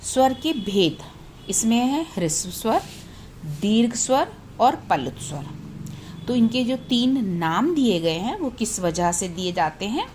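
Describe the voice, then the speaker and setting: A woman teaching a grammar lesson to children. She asks questions and answers them herself, and reads out letters slowly one by one. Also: fairly high pitch, big pitch swings, darkish tone, slight background noise. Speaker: Hindi teacher.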